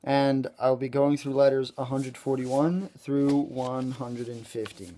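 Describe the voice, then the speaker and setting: A man's voice: mid-range voice, steady tone, a little slow, warm tone. Earnest man reading heartfelt letters. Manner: earnest, playful, tries a mock Italian accent at first. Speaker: vlogger reading his letters of encouragement. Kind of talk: casual vlog and letter reading.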